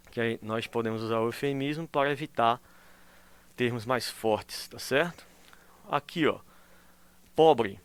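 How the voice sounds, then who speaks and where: A male teacher giving a recorded school lesson. He explains patiently, checks in constantly with tag questions, and acts out example phrases in a lively way. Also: mid-range voice.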